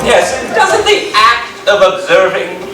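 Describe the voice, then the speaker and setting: Man as a gushing, high-voiced runway commentator, roomy echo. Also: wildly swooping pitch, unhurried, full character voice. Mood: pseudo-profound. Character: gushing male fashion commentator given to absurd philosophical asides. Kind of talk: parody runway commentary, comedy sketch. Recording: very echoey, distant, music behind.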